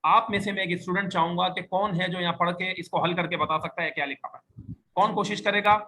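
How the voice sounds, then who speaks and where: Firm, bright-voiced male Arabic teacher. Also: high voice, steady tone, poor audio. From Pakistan. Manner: firm, corrective, drills students. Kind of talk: classroom lesson with online students.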